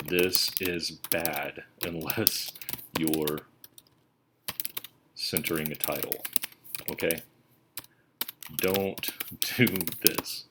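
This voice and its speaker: A man's voice: rumbling low, steady tone, drawn-out words, long pauses, background noise. A man teaching writing in a screencast lecture, thinking aloud as he types and correcting himself casually. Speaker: writing instructor. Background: keyboard typing and clicks.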